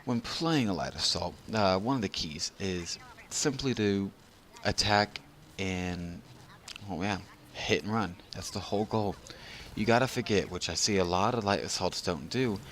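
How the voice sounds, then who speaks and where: A man's voice: low-pitched, unhurried, a bit bright, slight background noise. A drunk man giving casual, rambling video game commentary as a tutorial narrator, losing his train of thought.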